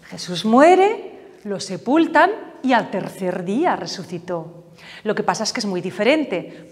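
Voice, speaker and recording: A woman teaching a Bible class, telling gospel stories vividly and acting out the voices in the quotes. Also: medium pitch. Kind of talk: storytelling Bible lesson. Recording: long reverb, hall-like echo.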